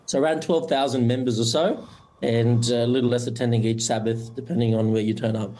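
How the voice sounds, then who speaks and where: Middle-aged man, from Romania, pastor being interviewed, steady measured answers, mellow dark tone. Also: mid-range voice. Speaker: church administrator and pastor.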